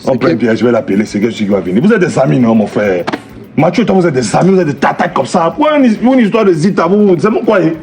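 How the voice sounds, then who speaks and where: An actor with a Cameroonian French accent playing an excitable man who defends his brother and keeps repeating orders to calm things down. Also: on the high side, fast talker, faint music behind. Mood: placating. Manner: repeats commands, swings between pleading and shouting. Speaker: actor in a comedy sketch. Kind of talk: comic sketch acting.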